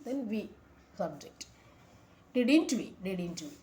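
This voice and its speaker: A woman, working through exam answers as a tutor. She reads each question slowly and clearly, then explains it in quick bursts. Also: medium pitch, sing-song, mellow.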